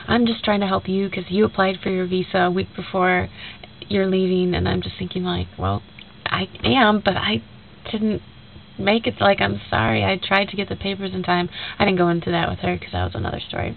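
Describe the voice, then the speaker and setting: A young woman sends a friend a rambling, casual video message, retelling a conversation packed with fillers. Her mid-range voice is brisk with vocal fry and stuffy and nasal from a cold, while the tinny lo-fi recording carries a faint hiss.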